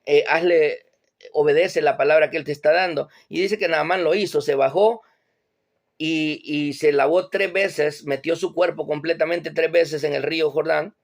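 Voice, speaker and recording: Man retelling Bible stories, higher voice. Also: steady tone, normal speed. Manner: plain conversational retelling. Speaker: Bible teacher. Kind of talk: informal Bible storytelling.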